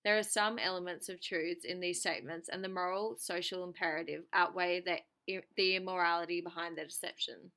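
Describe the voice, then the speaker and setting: A woman's voice: lowish voice, steady tone, brisk, few pauses, pushed and bright, smooth. A young woman giving a scripted academic presentation as a student, reading formally from a prepared text.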